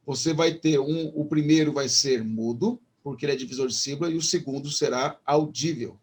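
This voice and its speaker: A man's voice: medium pitch, slightly rough. A man with a Brazilian Portuguese accent teaching an online Hebrew lesson, explaining step by step with many fillers and restarts. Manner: slows down to pronounce Hebrew words. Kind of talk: online lecture.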